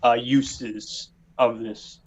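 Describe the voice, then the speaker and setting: Slow easygoing man running a tabletop game. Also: medium pitch, little pitch movement, low-quality recording. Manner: slow, easygoing, hesitant with fillers. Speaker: game master.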